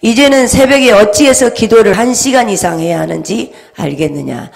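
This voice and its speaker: A woman voicing the Lord as a solemn, fatherly male divine figure, speaking slowly in an archaic, commanding way within her sermon. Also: mid-range voice, creaky, close to an everyday voice. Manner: slow, archaic commanding speech.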